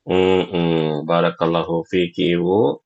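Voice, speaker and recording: A man teaching Quran recitation, patiently correcting errors and modeling each word slowly. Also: low voice, level tone, darkish tone, highs cut off. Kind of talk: recitation lesson.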